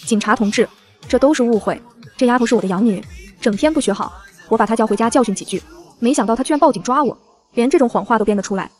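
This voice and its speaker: A woman's voice: fairly high pitch, quick pace, soft background music, close to an everyday voice. A woman voicing a vicious, scheming middle-aged adoptive mother in a spoken novel, threatening and venomous. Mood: feigned tearful.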